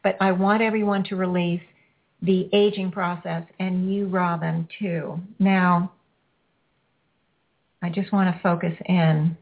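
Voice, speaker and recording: Woman, healing host, soothing repetitive phrasing, tinny phone-quality audio. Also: fairly low pitch. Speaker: energy healing radio host. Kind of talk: guided healing session with a caller.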